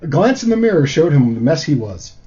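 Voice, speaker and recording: A man co-hosting a comedy podcast, joking and rambling with plenty of fillers. His voice sits a little high and swings widely in pitch as he jokes and reads aloud. The recording sounds dull and lo-fi. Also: sing-song, a little fast, mellow. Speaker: podcast co-host. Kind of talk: casual comedic chat and reading aloud.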